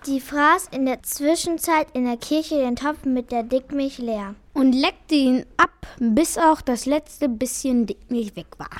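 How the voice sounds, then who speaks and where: A woman narrating a fairy tale in a clear, measured, expressive reading voice. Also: sits high. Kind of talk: storybook narration.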